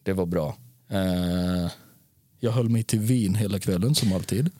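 A man's voice: low-pitched, dark tone, no room sound, studio quality. Sheepish, hungover man co-hosting. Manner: sheepish, laughing along. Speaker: podcast co-host. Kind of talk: casual chat.

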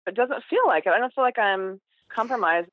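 A woman's voice: mid-range voice, lively intonation, fairly quick, no echo. A woman in her fifties calling in over the phone to a cooking radio show, chatting casually and loosely with many fillers. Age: 50s. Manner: plain, chatty, loose with fillers like "like" and "you know". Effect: heard over the phone. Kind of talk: casual call-in chat. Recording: tinny dry phone line.

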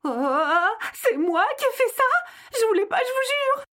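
A woman voicing a spirited, clever young girl with a lively, teasing manner in a storybook. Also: high voice, moderate pace, close to an everyday voice. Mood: worried.

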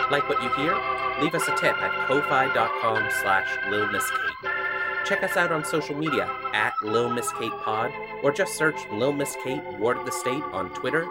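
Man playing a retro radio announcer, big showy delivery, loud organ music behind him. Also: mid-range voice, natural voice, low-quality recording. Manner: smooth, theatrical announcer delivery. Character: old-time radio show announcer, male.

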